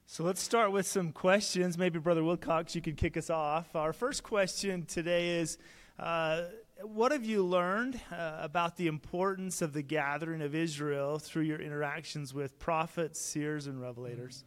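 A man co-hosting a panel, reading out questions in a measured way. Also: on the high side, fairly even intonation. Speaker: podcast co-host asking questions.

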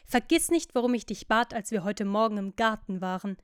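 A woman's voice: mid-range voice, brisk, clean tone, dry recording, studio quality, close to an everyday voice. A woman voicing an earnest male painter who pleads and insists. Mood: pleading.

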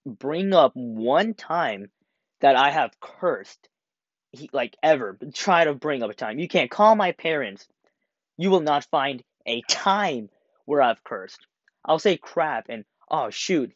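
A young man telling a school story in a casual, animated way, acting out the quotes and laughing as he goes. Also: mid-range voice, no echo. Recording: dry, slightly dull home recording.

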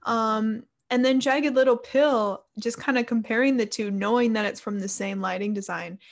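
A woman's voice: fairly high pitch, steady tone, normal speed. A young woman co-hosting a casual chat show, talking freely with frequent laughs and fillers. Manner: chatty, laughs often, uses "like" a lot. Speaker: podcast co-host.

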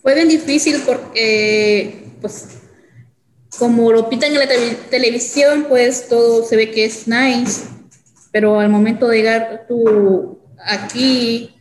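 A young woman from El Salvador, telling her own story as an interview guest in a halting way, with many fillers and restarts. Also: on the high side, steady tone, echoey room, poor audio. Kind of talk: hesitant personal testimony.

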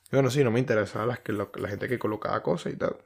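A Venezuelan man talks through a podcast episode on his own, loose and unscripted, circling back with fillers and half-finished phrases. His voice sits a little low for a man. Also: very fast, creaky, breathy edge. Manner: loose and rambling, many fillers and restarts. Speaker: podcast host. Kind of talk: casual monologue.

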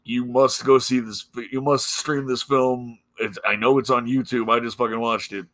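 A man's voice: medium pitch, fairly even intonation, moderate pace, a bit bright. A man co-hosting a horror movie podcast, talking casually with blunt, profane opinions. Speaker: podcast co-host. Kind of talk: casual chat.

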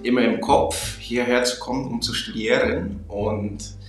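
A man's voice: mid-range voice, steady tone, a little slow, roomy sound, soft background music. A man in his twenties from Chicago, speaking German as a learner with an American accent and careful restarts, as a guest in a casual interview. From Chicago, USA. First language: English. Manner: careful non-native speech with restarts.

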